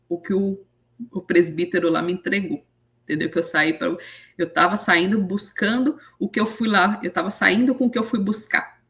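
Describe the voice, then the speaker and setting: A woman, an interview guest telling an emotional story with lively quoted voices. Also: fairly low pitch, vocal fry. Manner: animated retelling with acted quotes.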